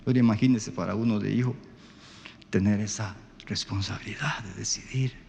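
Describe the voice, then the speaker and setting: A man, a pastor telling a story in a sermon, dropping to a hush and then rising loud. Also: lowish voice, normal speed, gravelly, in a large hall. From Guatemala. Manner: storytelling, swings from hushed to loud. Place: church.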